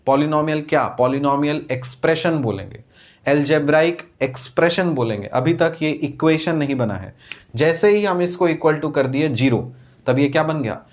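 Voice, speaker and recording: A man teaching an exam-prep math lecture. His voice sits fairly high for a man. He explains step by step, posing questions to the class and answering them himself. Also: moderate pace.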